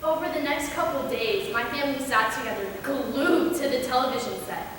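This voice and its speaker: A young woman playing an earnest female high school student, giving an emphatic, persuasive stage speech. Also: a little fast, a bit bright, slight background noise. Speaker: student actor. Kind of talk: stage play speech to a class. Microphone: distant room mic. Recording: echoey hall from far off.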